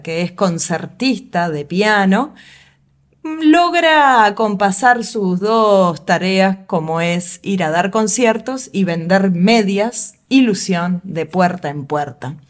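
A woman presenting a short segment, explaining in a playful way. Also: mid-range voice. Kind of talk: scripted segment with banter.

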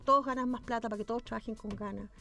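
A woman's voice: a little high, steady tone, rapid-fire, creaky, sharp tone. A middle-aged woman with a Chilean accent, a guest telling a personal story with animation. She acts out the lines of people in her story and repeats words for emphasis. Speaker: guest businesswoman.

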